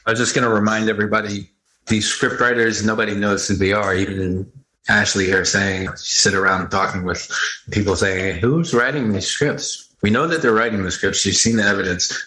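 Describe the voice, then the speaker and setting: Guy hosting a podcast, lowish voice, rambly and curious, kinda echoey room. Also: fairly even intonation, a little fast, bright, forceful tone. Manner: rambling, inquisitive, speculative. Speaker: podcast host. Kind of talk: casual conversation.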